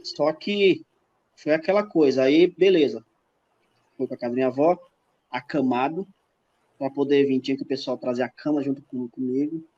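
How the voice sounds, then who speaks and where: Speaking at normal speed with frequent pauses, a man with a dark, mid-range voice appears on a podcast to share his personal faith story casually. He narrates with emphasis and acts out the dialogue, and the recording sounds dull and lo-fi.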